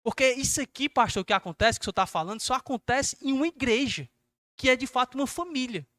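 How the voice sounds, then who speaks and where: A young man preaching a youth service sermon, earnest and exhorting, acting out gentle questions to his listeners. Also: extremely high pitch, lively intonation, fast talker, no echo.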